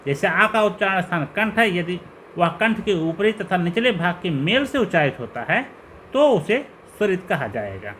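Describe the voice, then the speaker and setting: A man's voice: sits high, big pitch swings, a bit bright, slight background noise. A man teaching Sanskrit grammar in a lecture, listing terms one by one and asking questions to lead the class along. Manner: slow, repetitive listing of terms with rising questions.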